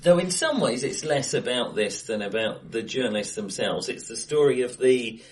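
This podcast co-host, a man with a medium-pitched voice and lively intonation, talks at normal speed about films in a casual discussion. He's recorded face to face with another person in an indoor room that sounds bright and live.

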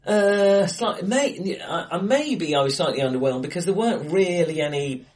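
This man, a podcast co-host reviewing films, has a high voice, speaks at normal speed, and uses very lively intonation in a casual film discussion. The conversation happens face to face indoors, in a reverberant room that makes the audio echoey and bright.

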